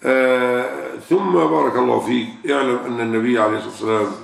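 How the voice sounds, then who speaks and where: Older man, Egyptian Arabic accent, preaching sheikh, rhetorical questions, very gravelly, echoey distant mic. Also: medium pitch, fairly even intonation, fast. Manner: asks rhetorical questions and repeats key words for emphasis. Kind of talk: religious question-and-answer sermon. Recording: echoey room, far from the mic.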